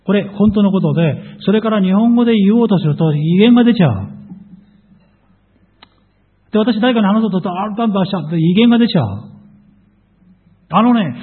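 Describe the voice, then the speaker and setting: A man preaching as a pastor, telling his testimony in an animated storytelling way. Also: high voice, slightly rough. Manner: animated storytelling, voices quoted people. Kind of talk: sermon testimony. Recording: tinny phone-like audio.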